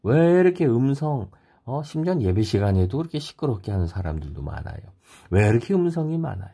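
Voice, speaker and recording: A middle-aged man preaching a sermon, his voice swinging widely up and down as he poses question after question to the congregation. The tone is mellow and a little husky. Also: mid-range voice, brisk. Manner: lively preaching with rhetorical questions. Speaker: pastor. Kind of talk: sermon on a Bible passage.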